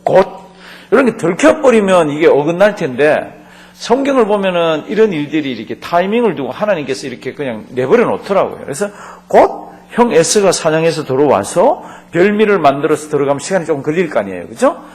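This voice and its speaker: A man's voice: a little high, very animated, fairly quick, a little mellow. A man, a pastor, teaching a Bible study class, reading verses aloud and explaining them conversationally while asking the class questions. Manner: asks the class questions and leads group reading.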